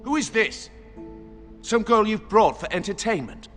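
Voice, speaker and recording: A snappy rude merchant for a fantasy game, high voice, big echoing hall, impatient. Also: male voice, animated, measured pace, a bit bright, faint music behind. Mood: scornful, impatient. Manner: curt, scornful. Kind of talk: dramatic video game dialogue. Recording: long hall reverb.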